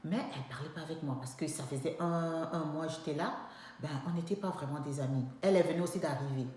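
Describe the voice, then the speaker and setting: A young woman tells a personal story in an animated, emphatic way, acting out what people said. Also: deep voice, fast. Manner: animated, emphatic, acts out dialogue. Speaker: vlogger telling a personal story. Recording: very echoey room with faint background noise.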